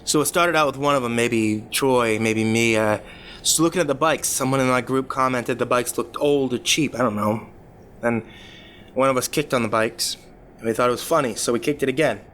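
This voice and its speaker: A man playing a troubled rich young man confessing a cruel past in a halting, stammering way, as a dramatic horror story monologue. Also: medium pitch, a bit bright, natural voice. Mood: guilty, confessional. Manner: halting, confessional, stammering over repeated words. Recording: clear background noise.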